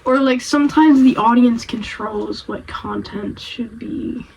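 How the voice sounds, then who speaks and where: A woman's voice: a little high, a little slow, vocal fry, a little mellow, slight background noise, poor audio. A young woman with a cold, rambling casually and self-deprecatingly in a vlog. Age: young adult. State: has a cold. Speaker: vlogger.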